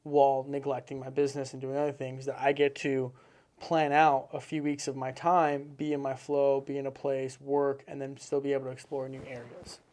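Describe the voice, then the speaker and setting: A man's voice: medium pitch, monotone, moderate pace, darkish tone. A man from Seattle, a podcast guest, talking earnestly in a casual interview with repetitive, emphatic phrasing. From Seattle, United States.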